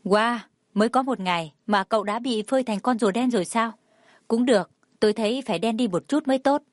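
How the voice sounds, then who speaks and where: A woman voicing a quick, teasing young male student. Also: a little high, no echo, studio quality, close to an everyday voice. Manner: brisk, joking.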